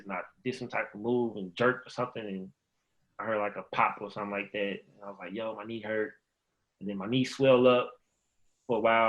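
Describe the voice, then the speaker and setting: A man from the Chicago area with a fairly low voice, talking through a long personal story on a podcast. He rambles, backs up and restarts, and acts out what people said to him. The audio is dull and a little lo-fi. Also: a bit bright. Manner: rambling, acts out remembered dialogue. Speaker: podcast guest, former pro basketball player. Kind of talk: casual storytelling interview.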